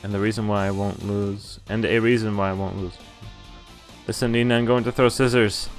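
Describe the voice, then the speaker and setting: This streamer has a very deep voice with fairly even intonation and a brisk pace. She reads visual novel text with expression, slipping in offhand swearing asides, while game music plays in the background.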